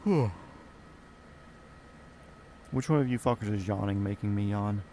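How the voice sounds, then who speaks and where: A man's voice: on the low side, measured pace, warm tone, slight background noise. A man streaming a flight simulator, chatting casually in a rambling, profane, offhand way from his home gaming room at a desk mic. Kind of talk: casual live-stream chat.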